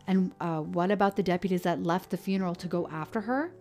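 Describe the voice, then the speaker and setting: A woman's voice: low voice, normal speed, gravelly, darkish tone, faint music behind. A woman reading an audiobook, voicing a distraught teenage boy who speaks in an urgent, pleading, emotional way. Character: distraught teenage boy, desperate for his friend. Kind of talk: audiobook character voice.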